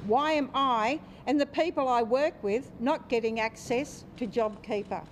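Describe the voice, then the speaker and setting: A woman's voice: on the high side, a little slow, a little hiss or hum. A woman with an Australian accent, a stood-down worker, speaking in an indignant, pointed way.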